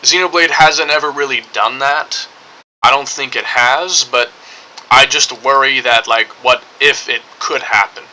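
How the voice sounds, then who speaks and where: A man's voice: mid-range voice, unhurried, bright, forceful tone, a little hiss or hum, poor audio. A man giving casual, rambling game commentary, hedging often and circling back over his points. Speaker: gaming streamer.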